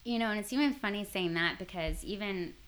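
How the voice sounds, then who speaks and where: A woman's voice: mid-range voice, lively intonation, brisk, fairly bright tone, clear, resonant tone. A woman in her thirties talking as a guest in a casual interview, rambling and trailing off between many fillers. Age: 30s. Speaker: hairstylist guest.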